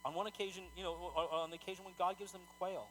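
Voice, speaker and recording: A male pastor preaching a sermon in a conversational, animated way, often repeating words as he talks. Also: sits high, very fast, a little hiss or hum, low-quality recording.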